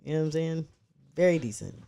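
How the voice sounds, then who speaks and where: Fast and lively in intonation, the young man's medium-pitched voice, neither deep nor high, sounds creaky, warm, clear and resonant. He rambles casually to his stream chat, swearing freely while fiddling with his setup.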